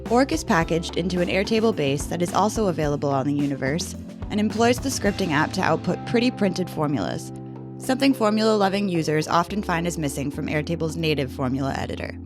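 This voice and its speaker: A woman hosts a podcast, presenting and welcoming guests in a prepared, scripted interview style. Her lowish voice is animated and quick-paced, and she speaks over music.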